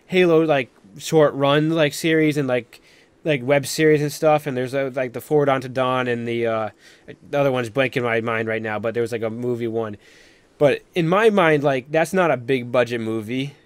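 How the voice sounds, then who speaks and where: Hosting a casual live stream chat, a man rambles along at a moderate pace, peppering his talk with "like." His mid-range voice is clear and resonant, with no echo.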